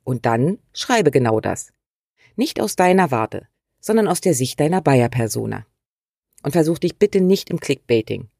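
A woman's voice: sits low, very animated, moderate pace, vocal fry, warm tone, dry recording. Woman giving direct, dry writing tips. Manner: direct and instructive, uses imperatives. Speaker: writing coach and channel host. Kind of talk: scripted tutorial addressing the viewer.

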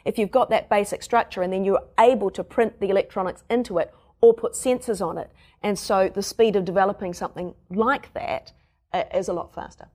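A woman's voice: mid-range voice, a little fast, a little mellow. A woman reporter with a New Zealand accent, chatting casually about a story she covered, with lots of fillers. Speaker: science reporter. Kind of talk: conversational radio chat.

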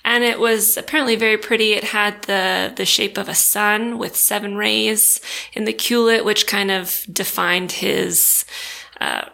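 Hoarse, chatty woman podcast host. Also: medium pitch, fairly even intonation, a little slow, bright, forceful tone. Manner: laughing, chatty storytelling. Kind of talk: casual chat. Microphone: studio mic with pop filter.

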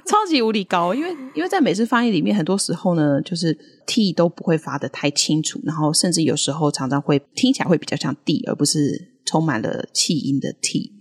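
A woman co-hosting a casual podcast lesson, modelling English words slowly between frequent laughs. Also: deep voice, expressive, slightly rough. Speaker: podcast co-host teaching English accents. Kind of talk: casual language-lesson chat.

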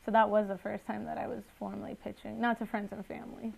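A woman's voice: mid-range voice, level tone, quick pace, gravelly, darkish tone, husky, rough recording. A woman in her twenties, originally from Guatemala, talking earnestly as a guest entrepreneur in a podcast interview with plenty of fillers. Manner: earnest, chatty with frequent fillers.

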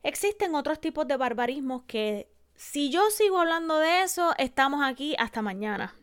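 A Puerto Rican woman hosting a solo podcast on public speaking, teaching carefully and slowing down to spell out examples. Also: high-pitched, animated. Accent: Puerto Rican Spanish. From Puerto Rico. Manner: didactic, slows to spell out examples. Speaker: podcast host.

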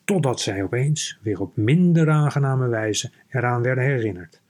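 A man reading a children's novel aloud in a steady, measured way. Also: medium pitch. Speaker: audiobook reader.

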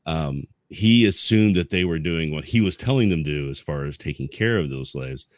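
As a podcast co-host, a man with a notably low voice talks casually about history, explaining in a halting, rambling way. He sounds expressive, and the audio is close and dry with little room and no echo.

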